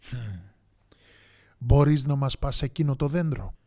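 A man voicing a commanding male lion, the king of the forest, booming orders and questioning the other animals. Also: fairly even intonation, mellow, natural voice. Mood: probing.

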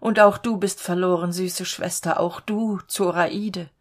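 A woman's voice: lowish voice, fairly even intonation, a little slow. A woman reading the lines of a desperate young male captive who pleads through tears in a spoken fairy tale. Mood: pleading. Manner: pleading, tearful.

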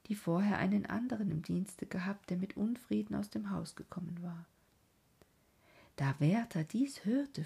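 A woman narrating a classic novel in a slow, earnest way, often sinking into a soft whisper. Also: lowish voice, creaky, slightly rough. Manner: slow, earnest, dramatic phrasing. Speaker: audiobook narrator. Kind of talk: literary reading of a classic novel.

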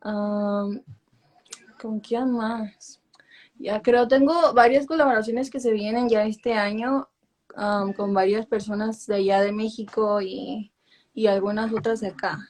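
A woman's voice: a little high, steady tone, moderate pace, a little mellow. A woman in her twenties, a singer talking casually in an interview in Spanglish, dropping English filler words into her Spanish. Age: 20s. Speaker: urban music singer being interviewed.

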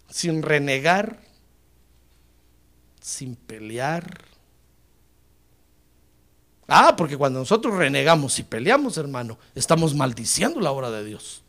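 A man preaching a sermon as pastor, surging and dropping in loudness, often calling his listeners brother. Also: vocal fry. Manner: preaching with sudden surges and drops in pitch and volume; repeatedly addresses listeners as brother.

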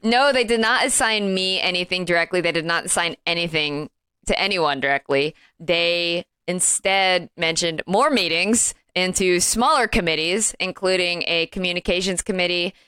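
A woman's voice: on the low side, normal speed, pushed and bright, clean tone, no room sound. A woman co-hosting a casual podcast chat, wry and offhand, often laughing between points. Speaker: podcast co-host.

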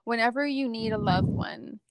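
A young adult woman, a psychic medium guest, chatting casually and acting out the dialogue in her stories with lively energy. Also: a little high, normal speed, no room sound. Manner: lively, acts out quoted dialogue. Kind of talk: casual storytelling chat.

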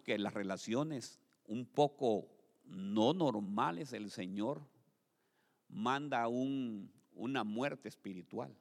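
A man preaching a sermon in a church, moving between loud exclamations and soft asides, and asking the congregation to repeat his phrases. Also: mid-range voice. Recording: long hall reverb.

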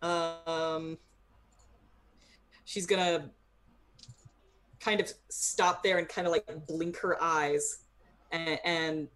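A woman player describes her character's actions in a tabletop game. Her voice is on the low side, and she talks very slowly and haltingly. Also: little pitch movement, a bit bright.

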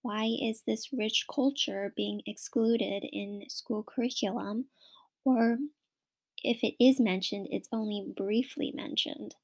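A woman's voice: a little high, fairly even intonation, slow pace. A young woman from Washington State hosting a solo podcast in a chatty, upbeat way, with frequent whispery asides. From Washington State, USA. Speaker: podcast host.

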